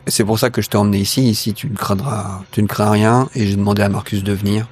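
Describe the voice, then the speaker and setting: Low-voiced, hesitant man role-playing. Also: fairly even intonation, quick pace, slightly rough. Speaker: tabletop role-play player. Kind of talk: improvised in-character play and narration.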